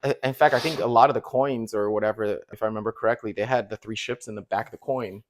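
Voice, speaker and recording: A man's voice: on the low side, fairly even intonation, fast talker, no echo, clean studio sound. A man who grew up in Costa Rica, co-hosting a casual talk show, hedging his claims and joking at his own expense. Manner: self-deprecating, hedging. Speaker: podcast co-host. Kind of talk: casual chat.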